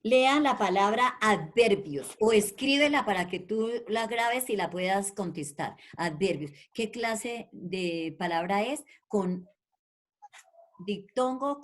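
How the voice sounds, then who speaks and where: A woman's voice: mid-range voice, expressive, slow. Patient woman teacher on a video call. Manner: patient, calls pupils by name and repeats questions; affectionate with pupils. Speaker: primary school teacher. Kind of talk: online class lesson.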